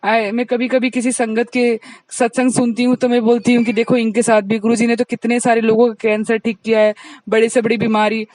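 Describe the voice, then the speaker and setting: A woman sharing her devotional testimony in a satsang, talking fast and earnestly to the congregation, a little distant from the mic. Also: a little high, level tone, darkish tone, no room sound. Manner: speaks quickly, admits it herself; earnest, addresses the congregation directly.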